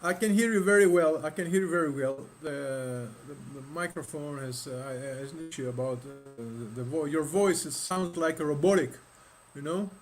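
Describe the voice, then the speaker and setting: A man with a notably high voice hosts an online panel over a video call. He talks haltingly, restarting and repeating himself and filling gaps with "uh". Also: soft background music. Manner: halting, repeats words, many fillers. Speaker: host.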